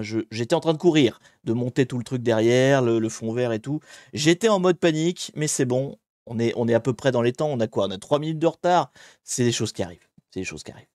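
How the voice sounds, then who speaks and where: A man hosting a casual live hacking stream from a home green-screen setup, lively and joking as he greets viewers one by one on a desk microphone. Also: mid-range voice, dry recording, studio quality.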